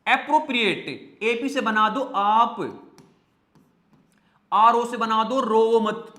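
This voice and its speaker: Guy teaching vocab online, high voice, jokey and chatty, echoey room. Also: takes it slowly, sharp tone. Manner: joking, chatty, with mnemonics and asides to viewers.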